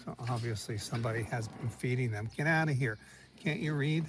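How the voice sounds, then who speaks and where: Against background noise, a man vlogs his trip outdoors in a village, moving between the street and a café terrace. His mid-range voice is brisk as he gives casual walking commentary, muttering asides and occasionally dropping to a whisper.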